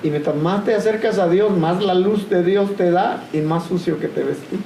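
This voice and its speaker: A man giving an earnest, steady church talk. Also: sits high, moderate pace, vocal fry. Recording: distant mic in echoey room, faint noise.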